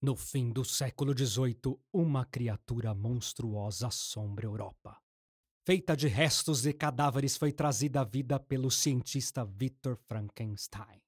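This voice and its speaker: A man's voice: mid-range voice, a little slow, breathy edge, dry recording, studio quality. A man narrating a scripted radio drama as its storyteller.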